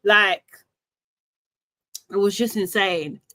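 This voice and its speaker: A woman chatting casually about a reality show, animated and exasperated, laughing often. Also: medium pitch, slow, no room sound. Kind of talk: casual recap chat.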